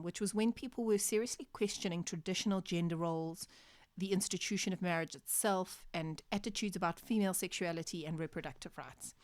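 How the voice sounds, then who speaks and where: A woman giving a literature lecture to her students, explaining clearly with measured pauses for emphasis. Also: fairly low pitch, no room sound.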